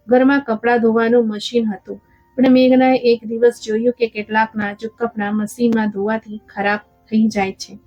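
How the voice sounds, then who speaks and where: A woman storyteller reading a scripted moral story in a calm, even way. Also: fairly high pitch, no echo. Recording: dull lo-fi with faint music.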